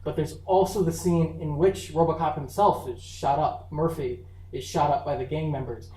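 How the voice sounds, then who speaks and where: A convention panel presenter giving a casual, chatty talk on film, full of fillers and quick laughs. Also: medium pitch, steady tone, a little mellow. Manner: enthusiastic, chatty, laughs often, many fillers. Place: university convention room. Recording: echoey room, far mic, faint hum.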